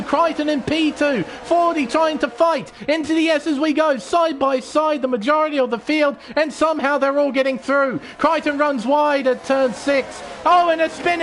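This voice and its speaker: A man commentating live on a motorsport race as an excitable play-by-play commentator. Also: very high-pitched, slight background noise. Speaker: motorsport commentator for online sim racing.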